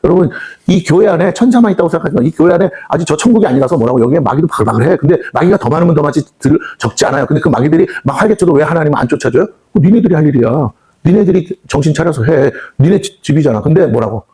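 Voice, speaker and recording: A man's voice: fairly high pitch, expressive, racing, dark tone, slightly rough. A man preaching a revival sermon in a church, blunt and coarse, scolding his congregation and acting out the voices of God, the devil and children. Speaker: pastor. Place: prayer house church hall.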